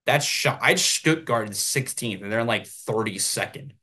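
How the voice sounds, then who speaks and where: An American man hosting his own sports show, giving solo commentary and ranting in an animated way. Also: mid-range voice, moderate pace.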